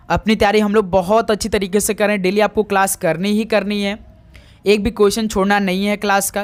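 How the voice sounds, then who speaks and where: A man's voice: sits high, no echo. A man giving an online exam-prep lesson, calling viewers brother and friend and quizzing them as he goes. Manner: spells out words sound by sound.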